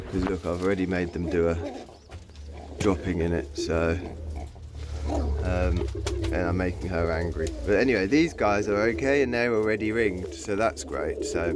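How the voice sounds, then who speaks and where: A man's voice: low voice, normal speed, background noise. A man keeping pigeons, chatting on a casual vlog and coaxing his birds in a raised, fond voice, with hesitant fillers. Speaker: pigeon keeper. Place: pigeon aviary. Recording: loud birds cooing behind. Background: pigeons cooing.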